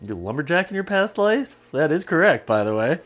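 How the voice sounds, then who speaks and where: A man's voice: on the high side, very animated, brisk. A man co-hosting a casual livestream trivia game, wisecracking and swearing lightly. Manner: joking, wisecracking, mild swearing. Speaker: trivia co-host.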